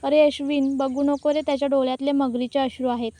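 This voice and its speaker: A woman reading a sharp-tongued, scheming young wife in a serial recap. The taunts come in a high, flat voice, close and dry. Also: fairly quick, no room sound, lightly acted. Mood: taunting.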